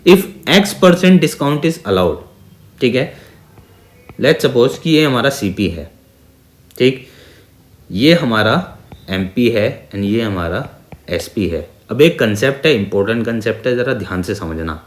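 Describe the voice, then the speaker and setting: In a reverberant, echoey room, an Indian man with an expressive mid-range voice works through exam-prep maths problems step by step, speaking slowly with frequent pauses. His teaching style blends Hindi and English terms, with repeated phrases and regular questions to check understanding.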